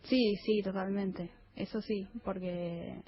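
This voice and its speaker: A woman's voice: medium pitch, fairly even intonation, takes it slowly, slightly rough, dull audio. An Argentine woman in her early thirties with a small, cute, girlish anime-like voice, chatting informally and gigglily as an interview guest. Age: early 30s. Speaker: interview guest, historian and author. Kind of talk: casual chat.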